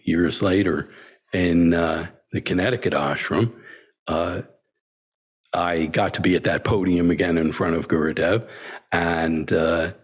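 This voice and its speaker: An older man, a senior disciple, reminiscing in a storytelling talk, halting with many fillers and frequent chuckles. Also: deep voice, slightly rough. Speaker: senior disciple telling stories.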